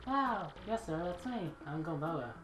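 A man's voice: on the high side, lively intonation, normal speed, a bit bright, echoey room, soft background music. A man doing a woman's voice as an eager young female Goomba student in a video game.

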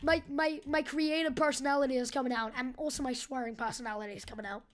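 A young woman with a high voice riffs through casual gameplay commentary. She is hyper and goofy, cracking jokes and breaking into loud yells and silly chants. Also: steady tone, fast. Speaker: gaming channel host.

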